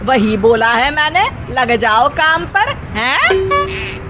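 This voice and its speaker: Heavily acted, with huge swings in pitch, a woman's high voice slowly plays a domineering mother-in-law berating her daughter-in-law in a cartoon. The scolding, fussy tirade closes on a nagging "हैं?", and there is background noise.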